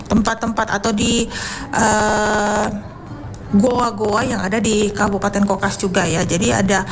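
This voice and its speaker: A woman hosting an informational radio programme, speaking semi-improvised with frequent tag words and hesitant pauses. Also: mid-range voice. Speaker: radio host. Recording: loud background noise, ambience.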